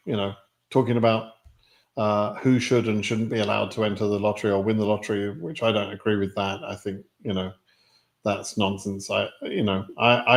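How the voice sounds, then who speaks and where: A British man in his sixties hosting a live stream, answering viewer questions in a frank, rambling way with many restarts. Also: lowish voice. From United Kingdom. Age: 60s. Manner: rambling, frequent ums and restarts, frank and plainspoken. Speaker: immigration lottery advisor hosting a live stream.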